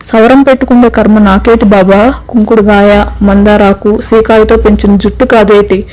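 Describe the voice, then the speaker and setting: A woman's voice: mid-range voice, fairly even intonation, normal speed, darkish tone, lightly acted, poor audio. A woman voicing a bold village woman who speaks in rustic, blunt, scolding talk.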